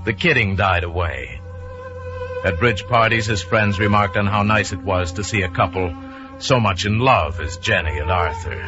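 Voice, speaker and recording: A low-voiced man narrates a suspense story at normal speed in a dramatic, scripted radio style. The recording sounds like muffled vintage radio, with music in the background.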